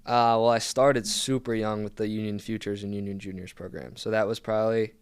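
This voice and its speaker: A man's voice: fairly low pitch, little pitch movement, brisk, clear, resonant tone, dry recording. A young man from Philadelphia, a podcast guest chatting casually with lots of "um"s and restarts. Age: young adult. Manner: easygoing, many "um"s and restarts. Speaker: guest, pro soccer player.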